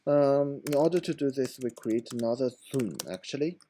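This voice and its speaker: Talking through a screen-recorded computer tutorial, a man with a mellow, medium-pitched voice is going hoarse and seems to be losing it. His delivery is halting and casual, full of fillers, with a faint hiss or hum behind him.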